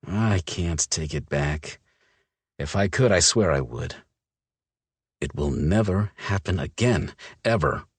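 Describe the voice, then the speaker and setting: A man voicing a gruff, protective werewolf man in an audiobook, talking low, tight and intense. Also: expressive, takes it slowly, pauses often, no echo, heavily acted. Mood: tender. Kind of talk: audiobook character voice.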